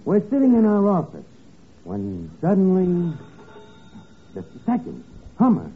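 Exaggerated and high, this man's voice swings hugely in pitch while keeping a measured pace. He's the comic lead of a 1940s-50s radio comedy, acting a bossy, self-important tavern man who schemes, talks slang, wisecracks, and mangles grammar. The recording is old radio: scratchy, noisy, and narrow-band.

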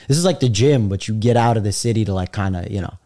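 A young adult man, a stand-up comedian guesting on a podcast, chats casually with a fairly low, warm voice at a quick pace. His talk is slangy and laid-back frat bro style, full of "dude" and "like."

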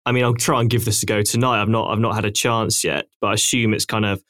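Laid-back young man, low voice. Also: level tone, fast talker, a bit bright, no echo, clean studio sound. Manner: laid-back, hesitant, many ums. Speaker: podcast host. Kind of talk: casual podcast chat.

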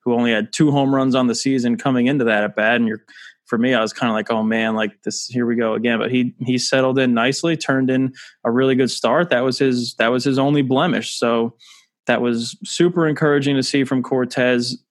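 A man's voice: mid-range voice, a little fast. Man chatting baseball on a podcast. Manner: relaxed, chatty, frequent restarts. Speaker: podcast co-host. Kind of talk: casual sports podcast chat.

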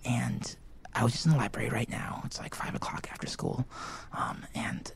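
For a scripted comedy podcast, a man takes on the role of an awkward, enthusiastic teenage boy hosting a school show, whispering into a handheld microphone in a library. His medium-pitched voice is husky with vocal fry, moves at normal speed, and rambles with fillers in a hushed, excited mood.

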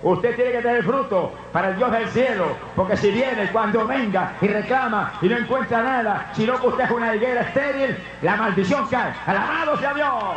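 A man with a high voice preaches a fervent revival sermon, often breaking into exclamations of praise. He is recorded in an echoey church hall. The sound is dull and lo-fi. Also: normal speed, few pauses, noisy background.

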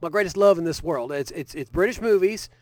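A man's voice: high voice, fairly quick, a little mellow, no room sound, natural voice. A man voicing a crude, boastful old Santa Claus with a Southern US accent, folksy and boisterous. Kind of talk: improvised comedy character bit.

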